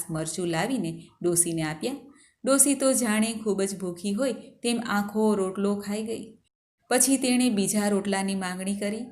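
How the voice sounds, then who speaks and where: A woman narrating a devotional fasting tale in a steady, storytelling reading. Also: mid-range voice.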